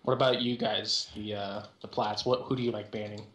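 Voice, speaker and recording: A man's voice: fairly low pitch, level tone, brisk, a bit bright, a little hiss or hum. A man chatting casually with his gaming team as they plan their picks. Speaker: team player planning champion picks. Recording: roomy, echoey voice-chat sound.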